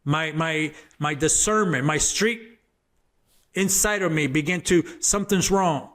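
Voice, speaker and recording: This man's voice runs on the high side, a bit bright, at a measured pace. Once a gang member, he now sits as an interview-show guest recounting his testimony in story form, earnest and forceful, with repeated words as his telling gains momentum.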